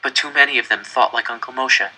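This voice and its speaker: An audiobook reader, a man, dramatically reads a first-person story aloud with an earnest, intense and emphatic delivery. His voice is medium-pitched, fast and sharp in tone, and the recording is rough.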